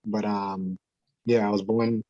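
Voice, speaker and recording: Man in his 30s, low monotone voice, halting and profane, interview guest. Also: dry recording, highs cut off. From Boston area. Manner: rambling, halting, slangy and profane. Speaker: beat maker guest. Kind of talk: casual interview.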